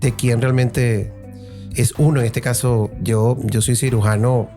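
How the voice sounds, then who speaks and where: A Venezuelan man, a trauma surgeon guest, talking in a casual, halting way with many fillers and restarts. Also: medium pitch, fairly even intonation, music in the background. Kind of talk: casual interview chat.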